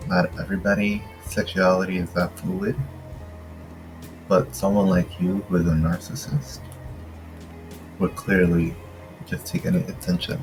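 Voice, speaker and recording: Scornful deep-voiced male reaction commentator. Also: little pitch movement, measured pace, pauses often, music in the background, low-quality recording. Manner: mocking, scornful. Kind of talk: reaction commentary over a clip.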